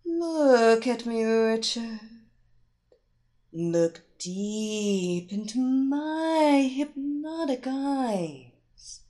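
A woman voicing a seductive, domineering female hypnotist who gives slow, soothing commands. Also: a little high, animated, dark tone. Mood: hypnotic, seductive. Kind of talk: erotic audio story acting.

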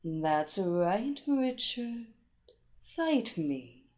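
A woman voicing a seductive, domineering female hypnotist who gives slow, soothing commands. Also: medium pitch, very animated, a little mellow. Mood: hypnotic, seductive. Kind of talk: erotic audio story acting.

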